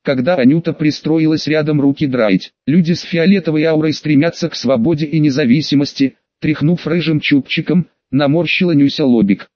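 A man narrating a novel in the first person with a steady, even reading. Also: on the high side, no echo. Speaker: audiobook narrator. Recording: dull, lo-fi audiobook recording.

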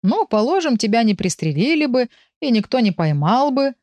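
A woman's voice: fairly high pitch, big pitch swings, normal speed, darkish tone, no room sound, pitched above the performer's own voice. A woman doing a mocking, grumpy male pet. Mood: scolding. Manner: mocking, scolding. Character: grumpy, sensible male pet animal, lecturing.

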